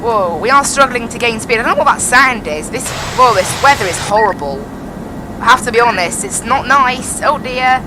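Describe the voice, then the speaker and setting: A flight sim streamer with a slightly high voice and lively intonation talks through each step of flying a simulated airliner at a moderate pace. Her casual headset commentary plays over music in a rough recording, and she repeats "I have to be honest" as she goes.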